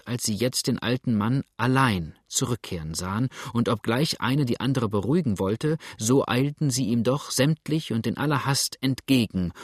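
A man reading a novel aloud in a measured, steady storytelling manner. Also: medium pitch, no echo, studio quality. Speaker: audiobook narrator. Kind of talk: scripted narration of a novel.

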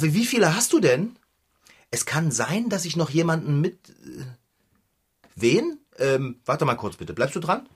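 A chatty bicycle-shop owner whose husky voice leaps all over the pitch range. He bickers like a child and talks in a quick, friendly way. A children's audio drama character. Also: fairly bright tone, full character voice. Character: good-natured man who runs a bicycle shop.

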